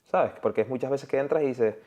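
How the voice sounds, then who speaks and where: A man's voice: mid-range voice, fast. Young Canarian man chatting casually. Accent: Canarian Spanish. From Tenerife, Canary Islands. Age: young adult. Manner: relaxed, chatty, peppers speech with "¿sabes?" and "tío". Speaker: guest. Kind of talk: casual conversational interview.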